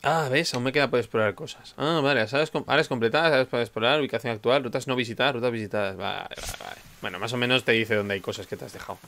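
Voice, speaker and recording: A man's voice: mid-range voice, rapid-fire, hardly any pauses, slight background noise. Man swearing through a game. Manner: exclaims and swears at hits, chatty asides. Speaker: gameplay streamer. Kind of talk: casual let's-play commentary. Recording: game soundtrack loud behind voice. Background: game music.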